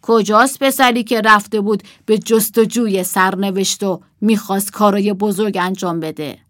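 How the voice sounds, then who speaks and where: A woman reading a storybook aloud, voicing a witch who loudly demands to know where the boy has gone. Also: mid-range voice, fairly even intonation, dry recording, studio quality, close to an everyday voice. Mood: demanding. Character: commanding witch in a pointed hat.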